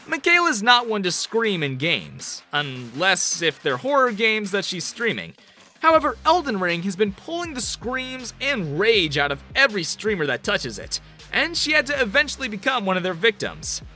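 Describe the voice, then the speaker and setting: A man's voice: high-pitched, wildly swooping pitch, normal speed, pushed and bright, soft background music. A man reading scripted countdown narration for a video compilation in an upbeat delivery.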